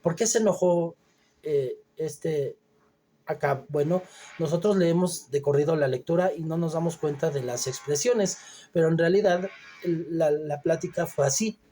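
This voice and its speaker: A man preaching a Bible teaching sermon, reading scripture aloud and then explaining it, often pausing with hesitant fillers. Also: fairly high pitch, dark tone, slightly rough.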